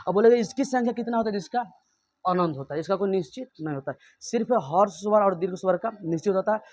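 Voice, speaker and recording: A man's voice: high-pitched, a little mellow, no echo. A young man teaching a grammar lesson, asking the class questions and answering them himself, repeating each point.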